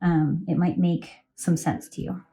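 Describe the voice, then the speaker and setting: A woman's voice: on the low side, fairly even intonation, unhurried, creaky, dark tone. A woman giving a casual tarot reading late at night, chatty and rambling, with many fillers, and sounding tired. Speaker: tarot reader.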